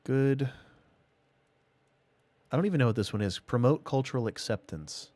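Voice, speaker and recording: With a medium-pitched, expressive, darkish voice at normal speed, a man streams a strategy game live in a recording with no room sound. His commentary is casual, thinking aloud to himself and talking with viewers.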